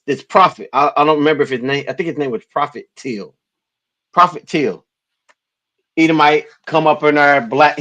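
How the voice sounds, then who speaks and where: A man co-hosting a podcast in casual chat, telling stories in an animated way and laughing often. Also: mid-range voice. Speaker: podcast co-host.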